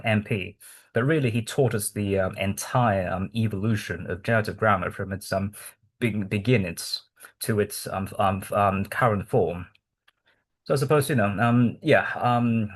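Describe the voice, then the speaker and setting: Presenting to a research group, a Hong Kong man whose first language is Cantonese speaks in a somewhat low voice. The academic presentation comes out haltingly, with many ums and restarts.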